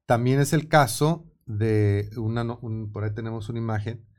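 Animated Mexican man hosting a radio chat. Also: on the low side. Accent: Mexican Spanish. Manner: animated, quick, laughing often. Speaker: radio show host. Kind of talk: casual studio chat. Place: radio studio.

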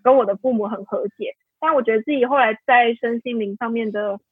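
A woman tells her story in a rambling, heartfelt way, full of fillers and restarts. Her voice is husky and a touch high. It comes through a narrow, phone-like line with no room sound. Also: brisk, dry recording. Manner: rambling, many fillers and self-corrections, emotional. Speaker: podcast guest. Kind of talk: candid personal storytelling. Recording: tinny phone-like line, dry.

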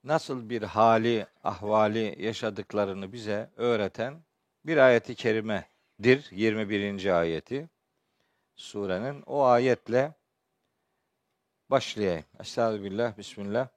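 Hoarse, strained male preacher. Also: on the low side, unhurried, dry recording. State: hoarse from shouting the day before, clearing his throat often. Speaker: Quran teacher and preacher. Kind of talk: spoken religious lecture with verse commentary.

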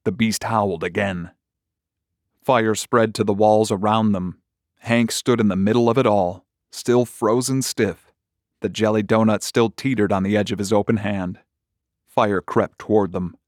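A man narrating a horror short story in a measured, gritty storytelling manner. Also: on the low side, steady tone, a little mellow, no echo, clean studio sound.

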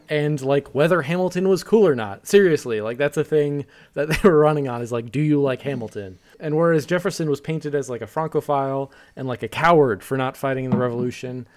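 A man's voice: mid-range voice, brisk, darkish tone. A young man co-hosting a podcast, talking casually and wryly, often laughing through his lines. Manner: chatty, wry, laughs often. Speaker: podcast co-host.

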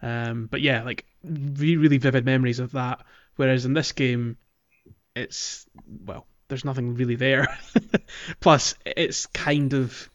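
Hosting a podcast, this man discusses video games in a casual, reflective way with some hesitation. He speaks at medium pitch with a steady tone and measured pace, and the sound is lo-fi.

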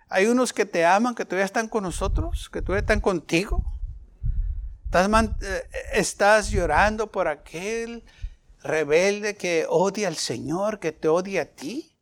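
A man preaching a sermon, asking his congregation questions and shifting between loud emphasis and softer passages. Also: high voice. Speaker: pastor.

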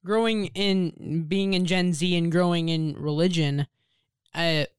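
A young man slowly and haltingly starting his turn in a casual family podcast chat. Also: on the high side, steady tone, clear, resonant tone, no room sound, studio quality.

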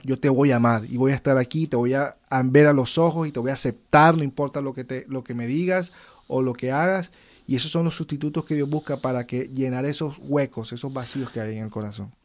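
A man's voice: mid-range voice, a little mellow. A man speaking earnestly as a guest in a faith interview, preaching and telling a fable. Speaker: guest, ministry counselor.

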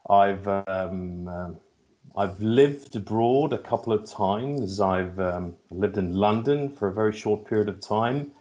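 A middle-aged logistics executive from Finland, appearing as a podcast guest, answers interview questions in a Finnish accent, hesitating and repeating words while he finds his phrasing. His voice is on the low side with a darkish tone, he speaks slowly, and the recording is muffled.

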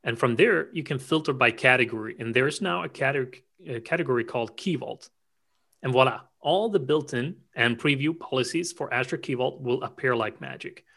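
A man with a bright, forward voice walks through technical settings as an invited expert. He talks with eager enthusiasm, piling detail upon detail in a conversational way. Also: medium pitch, vocal fry. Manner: enthusiastic, rapid-fire explainer. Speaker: cloud security expert guest.

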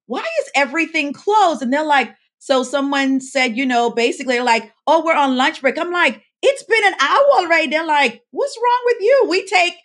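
As a guest in a relaxed podcast interview, this woman from the Bahamas, who works as a pharmacist and life coach, recounts her story and acts out quoted lines. Her high voice is expressive, at a moderate pace with few pauses.

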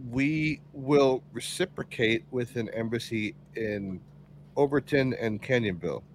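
A man's voice: medium pitch, unhurried, slight background noise. A man playing a tabletop game, casual and easygoing as he speaks for his character. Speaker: player. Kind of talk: tabletop role-play chat.

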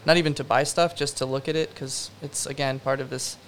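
A man's voice: mid-range voice, fairly even intonation, a little fast, fairly bright tone, a little hiss or hum. A young man, a production designer, answering interview questions in a rambling, casual way full of fillers and self-deprecating asides.

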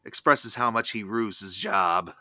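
A man's voice: on the low side, a little slow, sharp tone, no echo, studio quality. A man hosting a review show, reading a scripted recap with asides.

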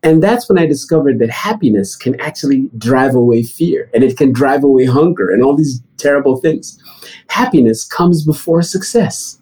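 A middle-aged man from Nigeria talks as an interview guest. His voice is mellow and a little husky, and his storytelling climbs high whenever he stresses a point. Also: moderate pace, low-quality recording. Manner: animated storytelling, rising high for emphasis. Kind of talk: interview answers.

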